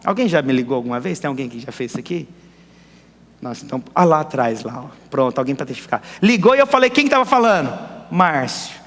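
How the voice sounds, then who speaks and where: A man preaching a lively sermon as pastor, firing rhetorical questions at the congregation. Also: medium pitch, quick pace. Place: church hall. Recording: echoey church hall.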